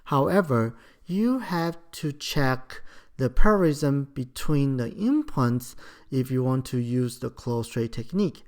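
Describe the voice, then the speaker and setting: Slow, steady lecturer walking students through clinical technique. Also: medium pitch. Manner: measured, explanatory, slightly non-native phrasing. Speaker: dental school lecturer. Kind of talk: recorded lecture.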